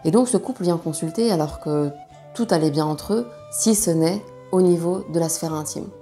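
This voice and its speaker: Female educator, very low register, mellow and creaky, measured explainer delivery with pauses. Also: faint music behind. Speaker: sexologist presenting a video.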